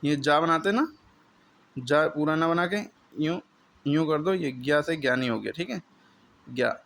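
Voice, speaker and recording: A man's voice: a little high, measured pace, creaky, a bit bright. A man teaching the alphabet in a classroom lesson, explaining patiently step by step and drilling each sound for a pupil to repeat.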